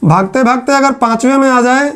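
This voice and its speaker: High-voiced male lecturer, repetitive. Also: a little fast, fairly bright tone. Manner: conversational, repeats phrases for emphasis. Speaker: teacher. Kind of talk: classroom lecture.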